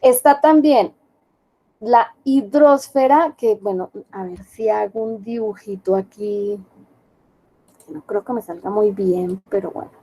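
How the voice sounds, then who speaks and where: Woman, online lesson, explanatory, mid pitch, soft warm tone. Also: unhurried, slight background noise, poor audio. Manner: explanatory, checks understanding with questions. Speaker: teacher. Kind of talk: online class lecture.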